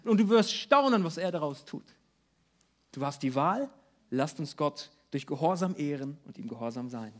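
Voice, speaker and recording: A male pastor preaching a sermon at a church service, earnest and animated, speaking directly to the congregation. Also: high-pitched.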